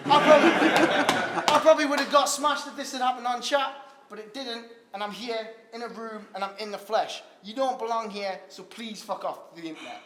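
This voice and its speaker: A man's voice: very high-pitched, normal speed, a bit bright. A man rapping a crude, mocking battle verse. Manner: mocking, crude, laughing between bars. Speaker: battle rapper. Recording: echoey, noisy live venue.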